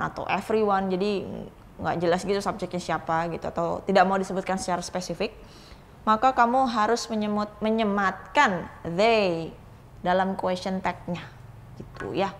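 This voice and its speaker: A woman English lecturer giving a recorded video grammar lesson in a casual, explanatory way, often pausing on "eh" and slowing to stress example phrases. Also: medium pitch, a bit bright. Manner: casual explanatory teaching with frequent "eh" fillers and tag-like "gitu ya".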